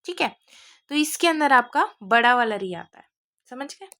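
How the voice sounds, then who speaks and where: A woman's voice: sits high, animated, pushed and bright. A woman teaching a Sanskrit lesson for an exam. She explains step by step, keeps asking whether the students have understood, and corrects her own slips as she goes. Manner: explains step by step, checks understanding with quick questions. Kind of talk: exam-focused classroom lesson.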